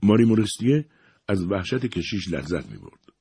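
A man reads a story aloud at a steady, even pace. His voice is very low and a little husky. The recording is dry and close, with no room sound. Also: no echo. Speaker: narrator. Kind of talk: scripted audiobook narration.

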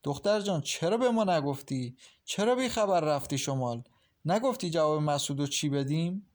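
A man voicing a stern middle-aged mother-in-law, sharp and reproachful, in an audiobook novel. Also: a little high, animated, close to an everyday voice. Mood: scolding.

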